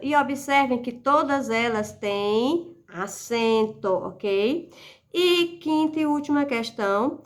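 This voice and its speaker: A woman's voice: on the high side, a bit bright. A woman teacher giving a lesson, speaking patiently and stretching out syllables as she sounds out words. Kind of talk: recorded classroom lesson.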